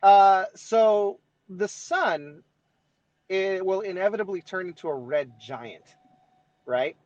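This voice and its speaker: This time the East LA co-host's high voice comes out slow and darkish, with no room sound and the highs cut off. The Southern Californian, with his Mexican-American accent, explains things in a casual podcast chat, cursing freely and tagging on "right?"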